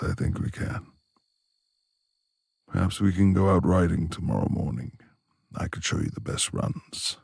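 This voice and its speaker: In a romantic ASMR roleplay, a man voices a brooding, reclusive lord with a beastly nature, proud and courteous yet quick to anger, using formal, old-fashioned phrasing in a gravelly, husky tone. His pitch sits extremely low, and the clean studio recording has no echo as he commits fully to the character. He comes across as courteous and gradually warming.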